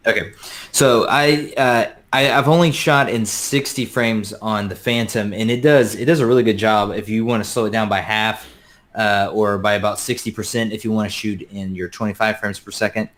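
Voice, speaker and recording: A man's voice: on the low side, steady tone, moderate pace, fairly bright tone. A man joining a live stream as a guest drone pilot, explaining things in a friendly way over a video call, with hesitant uhs. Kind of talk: casual video-call chat.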